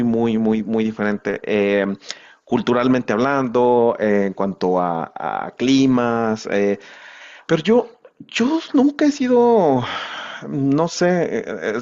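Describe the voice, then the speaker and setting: A man with a Mexican accent, speaking at a medium pitch as a guest in a relaxed interview. He talks haltingly, stopping and restarting often. The audio is a little dull and lo-fi. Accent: Mexican, non-central. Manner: halting, many pauses and restarts. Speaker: podcast guest. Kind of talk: casual conversational interview.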